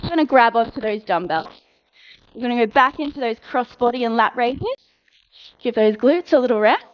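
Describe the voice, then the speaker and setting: Upbeat woman workout coach, higher voice, dull lo-fi recording, counts down reps. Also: animated. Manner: encouraging, brisk coaching with countdowns. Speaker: fitness instructor. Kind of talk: live workout cueing.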